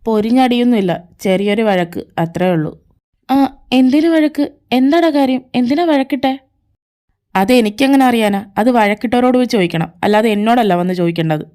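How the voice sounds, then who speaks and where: Faint music plays behind a woman performing all the roles in a fan fiction audio drama. Her voice is a little high and dark in tone, fairly quick, and she moves among arguing, teasing and pleading characters.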